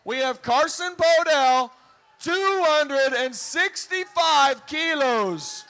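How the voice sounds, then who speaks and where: A man announcing a powerlifting meet live, working up the crowd like a showman with booming calls, drawn-out numbers and urging. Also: expressive, sharp tone, low-quality recording. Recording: crowd noise in a live venue.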